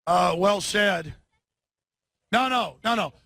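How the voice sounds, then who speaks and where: A man's voice: high-pitched, takes it slowly, sharp tone, dry recording. A man hosting a live broadcast from an outdoor rally. He rambles sarcastically, sounds tired, and trips over his words. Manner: sarcastic, scattered, lots of restarts. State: short on sleep. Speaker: live-stream host.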